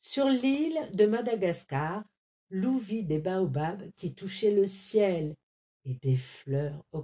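A woman reading a children's storybook aloud, clearly and expressively. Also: fairly low pitch, mellow.

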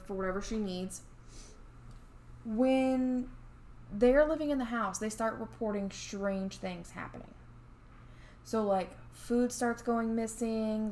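A woman's voice: mid-range voice, slight background noise. A woman co-hosting a podcast, telling a true story in casual chat with many fillers and restarts. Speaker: podcast co-host.

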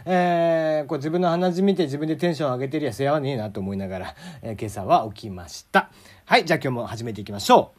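A man's voice: mid-range voice, lively intonation, quick pace. A man hosting his own casual talk show, chatty and rambling, often stopping to correct himself. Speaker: podcast host. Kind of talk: casual solo radio talk.

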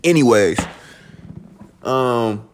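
Young adult man hosting a casual podcast from home, profane and rambling, with a lively, swinging pitch. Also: drawn-out words, a little hiss or hum. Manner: loose, profane, rambling with restarts. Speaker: podcast host. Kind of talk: casual solo podcast talk.

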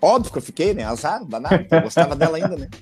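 A comedian with a Rio Grande do Sul accent, telling stories in a casual chat, animated and full of slang. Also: male voice, on the high side, quick pace, music in the background. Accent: Rio Grande do Sul Portuguese. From Porto Alegre, southern Brazil. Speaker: comedian guest.

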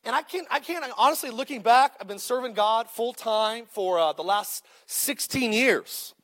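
A man's voice: very high-pitched, lively intonation, moderate pace, a bit bright. A man in his thirties preaching a sermon, joking and punchy, calling out to the congregation. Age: 30s. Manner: joking, punchy preaching with call-outs to the crowd. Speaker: pastor.

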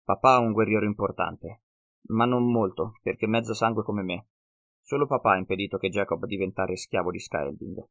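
A man voicing a cunning half-blood northern wanderer who speaks slow, broken, ungrammatical sentences in an audiobook. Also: on the low side, a bit bright, muffled recording. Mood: philosophizing.

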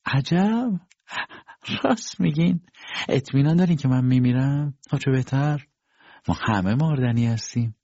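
A man's voice: medium pitch, animated, dark tone, no echo, dull audio, voice pushed up. A man voicing a proud, capricious young woman with a scornful, teasing manner, in an audiobook reading.

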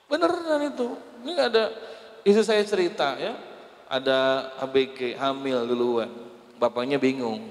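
A man preaching a religious talk to women, lively and joking as he addresses them directly. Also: medium pitch. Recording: echoey hall.

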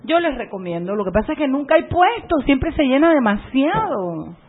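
A woman's voice: sits high, moderate pace. A woman hosting a radio show, chatting casually and acting out voices as she tells stories. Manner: lively, chatty, acts out voices in anecdotes. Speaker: radio host. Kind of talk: casual radio chat and storytelling. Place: radio studio booth. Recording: narrow phone-like radio audio.

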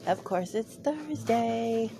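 A woman hosts her own podcast, speaking candidly and slowly in a fairly high, expressive, gravelly voice that sounds a little off from a cold. She hesitates often with plenty of ums, and music plays in the background of this personal monologue.

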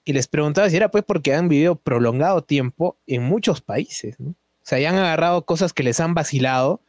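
A man's voice: fairly high pitch, expressive, brisk, darkish tone, no echo. A man hosting a podcast in casual chat, chatty and often tagging questions onto his sentences. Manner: chatty, frequent tag questions. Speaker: podcast host.

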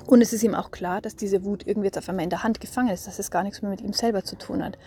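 A mother in her thirties talking through her parenting experience in a thoughtful way, often pausing to find her words. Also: mid-range voice, fairly even intonation, warm tone, slight background noise. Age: 30s. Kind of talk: casual spoken monologue.

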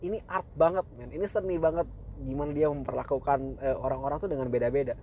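A man's voice: a little high, steady tone, fast talker, highs cut off, a little hiss or hum. A young man giving a casual, slangy faith talk, laid back and full of fillers and chuckles.

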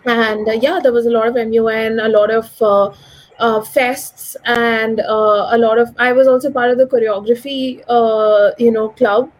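A woman's voice: on the high side, steady tone, normal speed, low-quality recording. A woman of about thirty with a posh, educated Delhi Indian English accent, giving articulate, opinionated answers in a conversational interview, often saying "like" and "you know". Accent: educated urban Delhi Indian English, posh. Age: around 30. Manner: articulate, opinionated, frequent 'like' and 'you know'. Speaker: interview guest, economist.

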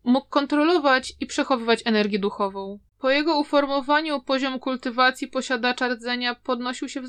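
A woman narrating an audiobook in a steady, even storytelling manner. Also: high voice, clean tone.

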